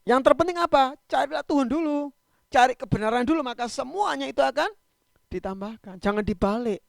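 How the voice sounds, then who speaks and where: A male pastor, preaching in a conversational livestreamed sermon that swings from loud emphatic peaks to quiet trailing phrase endings. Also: extremely high pitch, expressive, brisk, vocal fry, no room sound, studio quality. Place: church livestream.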